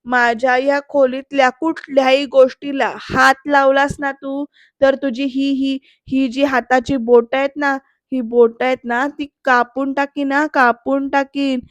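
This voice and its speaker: A woman voicing a harsh, bullying middle-aged father who shouts slow, menacing threats, quoted in a TV episode recap. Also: sits high, flat delivery, no echo, natural voice. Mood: furious. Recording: dull, lo-fi, dry sound.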